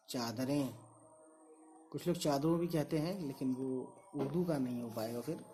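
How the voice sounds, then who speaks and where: A man's voice: mid-range voice, a little mellow, a little hiss or hum. A man teaching an online language lesson, drilling singular and plural word pairs by repeating each one and calling his viewers guys. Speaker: Urdu teacher.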